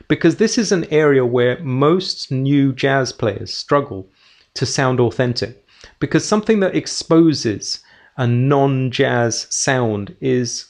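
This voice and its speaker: A man's voice: medium pitch, a little mellow. A man from the UK teaching a jazz lesson, explaining technique and counting beats aloud while playing piano. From United Kingdom. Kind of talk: music lesson.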